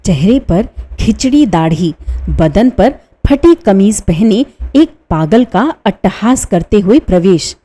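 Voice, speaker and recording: A woman narrating a radio play, reading stage directions in a low, measured way. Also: lively intonation, warm tone.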